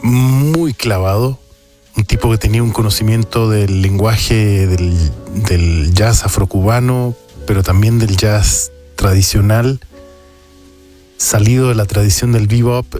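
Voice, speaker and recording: Hosting a jazz radio show, a man offers casual, reflective, opinionated commentary on the music. His voice is fairly low and dark, at a measured pace, with music playing behind it.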